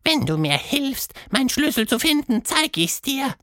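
A man voicing a small, playful tentacled fantasy creature in a children's story, with a squeaky high voice. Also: big pitch swings, moderate pace, sharp tone, no room sound, clean studio sound, exaggerated voice. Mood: squeaky, pleading. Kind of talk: storybook narration.

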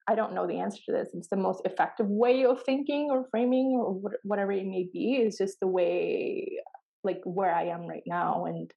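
The speaker, a co-host with Pashto and Farsi as first languages, reflects earnestly on a podcast, often breaking off to restart her sentences as she searches for words. Her medium-pitched voice is gravelly and moderately paced, and the audio is dull.

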